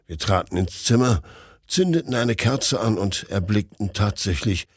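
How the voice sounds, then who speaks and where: A man narrating a story with a measured, dramatic reading. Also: fairly low pitch, slightly rough, no echo, studio quality. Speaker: audiobook narrator.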